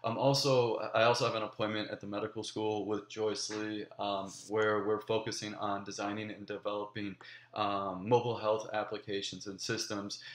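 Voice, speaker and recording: A man's voice: fairly low pitch, level tone, normal speed, reverberant. Earnest young man with many ums. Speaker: graduate student applicant. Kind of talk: video application pitch.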